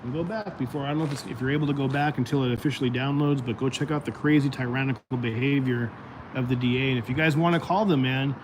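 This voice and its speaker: A man chats loosely to his livestream viewers, rambling from one thought to the next. His voice sits at an ordinary middle pitch and is starting to go out. Steady traffic and street noise come through clearly behind him. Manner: rambling, chatty, addresses viewers directly. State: voice going out. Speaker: livestream host. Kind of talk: casual livestream chat.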